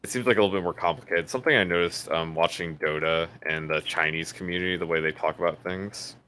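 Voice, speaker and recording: A young man chatting with a friend during a video game, explaining his thoughts in an animated, loose way with plenty of fillers. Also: deep voice, quick pace, clear, resonant tone. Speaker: co-player. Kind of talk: casual gameplay chat.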